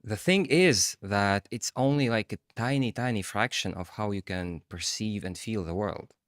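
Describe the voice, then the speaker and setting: A man's voice: on the low side, normal speed, dry recording, studio quality. A man, co-hosting a podcast and talking reflectively, with hesitant fillers. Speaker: podcast co-host. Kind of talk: casual podcast chat.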